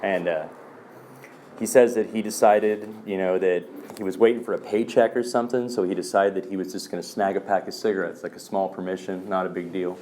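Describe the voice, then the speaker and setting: A man with a low voice shares stories at a meeting in an easygoing, rambling way. He drops in fillers and calls the listeners "man". A faint background noise sits under his voice. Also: steady tone, fairly quick, darkish tone. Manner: loose storyteller, fillers like "man" and "um". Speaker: speaker sharing at a recovery meeting. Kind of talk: casual personal talk.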